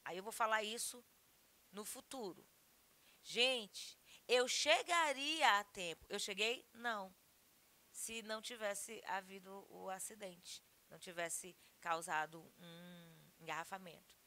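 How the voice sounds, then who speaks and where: A woman's voice: medium pitch, takes it slowly, pushed and bright. A woman with a Brazilian Portuguese accent teaching a grammar lesson, explaining patiently and asking and answering her own questions. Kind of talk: grammar lesson, correcting exercises.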